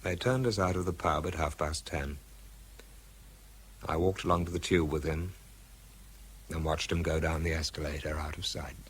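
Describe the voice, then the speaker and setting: In a radio drama, an English actor plays a bitter, world-weary man battling drink, narrating and delivering terse lines. His voice rumbles low with fairly even intonation at a normal speed, broken by long pauses over slight background noise. The mood is weary and tense, the delivery dry, clipped, and understated.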